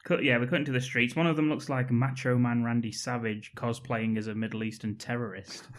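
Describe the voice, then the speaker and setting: A man with a mid-pitched voice co-hosts a podcast. He chats loosely and with crude jokes, in a relaxed, offhand way. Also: brisk. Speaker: podcast co-host. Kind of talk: casual chat.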